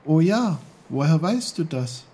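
An eager, puzzled young boy asks question after question in a higher, lively voice, as a man reading a storybook puts him on. The tone stays mellow and the delivery slow. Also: husky, heavily acted. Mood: curious. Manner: eager, questioning, raised pitch.

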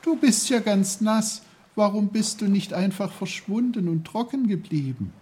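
A man voicing an eager, excited little boy in a storybook reading, his voice pushed high and breathless. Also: slow pace, exaggerated voice. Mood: alarmed.

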